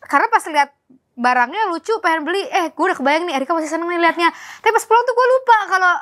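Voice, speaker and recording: A woman's voice: very high-pitched, expressive, fast talker, fairly bright tone. A young woman, hosting a casual chat and asking curious questions.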